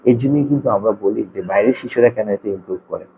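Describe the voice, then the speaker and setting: Guy therapist teaching parents, lowish mellow voice, keeps asking "right?", a bit of hiss behind. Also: vocal fry, rough recording. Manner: repeats points, checks in with "haan?"; sounds out letters slowly. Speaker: occupational therapist. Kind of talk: explanatory lesson to parents.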